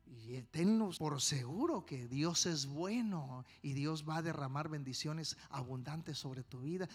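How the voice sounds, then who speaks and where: A male pastor preaching a sermon with passion, swinging between quiet stretches and sudden loud outbursts. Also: fairly high pitch, creaky, husky.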